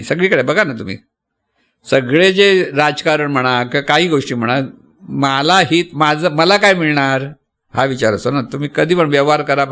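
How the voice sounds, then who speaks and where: A man's voice: fairly high pitch, fairly bright tone. A man with a Marathi accent giving a devotional sermon, teaching patiently, repeating points and asking the listeners rhetorical questions. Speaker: spiritual teacher.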